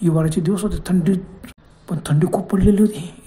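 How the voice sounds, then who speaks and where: A woman's voice: fairly low pitch, steady tone, fairly quick, dark tone. A woman storyteller narrating a horror story in a dramatic, suspense-building way.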